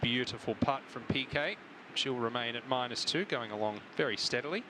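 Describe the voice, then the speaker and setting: Man commentating on golf over clear background noise. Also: mid-range voice, moderate pace. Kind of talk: live television golf commentary.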